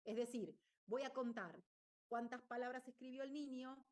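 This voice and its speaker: In an online lecture, a woman teacher explains the lesson at a moderate pace, her voice high. She keeps checking in with her listeners, asking "¿está bien?" along the way.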